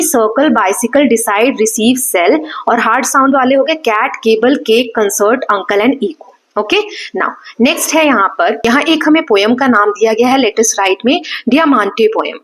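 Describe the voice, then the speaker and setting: Patient Indian woman teaching a class. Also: a little high. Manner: patient and repetitive, checks in with "है ना". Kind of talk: explaining a textbook lesson in Hindi mixed with English.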